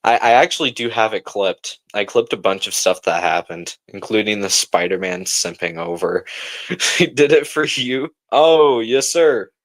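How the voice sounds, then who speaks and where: A man hosts a livestream, chatting casually with viewers and reacting in informal, slangy talk, often saying "bro." His voice is on the low side, animated, a little slow and a bit bright.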